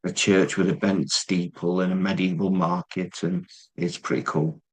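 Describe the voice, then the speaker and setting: Low-voiced interviewer. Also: male voice, fairly even intonation, normal speed, husky, low-quality recording. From England. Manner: self-deprecating, jokey. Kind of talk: casual interview chat.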